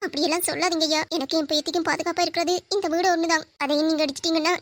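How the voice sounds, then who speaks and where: A woman's voice: very high-pitched, fairly even intonation, racing, a bit bright, no room sound. A woman voicing a poor, desperate grandmother who begs a moneylender for more time in a Tamil audio drama. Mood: pleading. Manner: pleading, begging.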